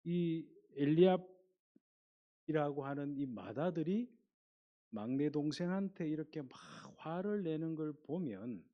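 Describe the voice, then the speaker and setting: A man with a fairly high-pitched voice preaches a sermon with animation, reading scripture aloud and putting questions to his listeners. The recording's high frequencies are cut off.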